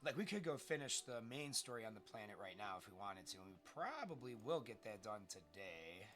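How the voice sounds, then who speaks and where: A man's voice: on the low side, big pitch swings, fairly quick, a bit bright, faint music behind. A congested man casually commenting on his gameplay, chatting, muttering to himself and answering viewer chat. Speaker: let's play streamer.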